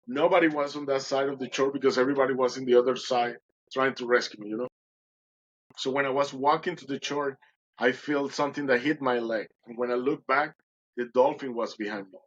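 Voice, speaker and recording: A man's voice: mid-range voice, steady tone, brisk, lo-fi sound. A man, a podcast guest, telling his personal story in an earnest, emotional way and often restarting his sentences.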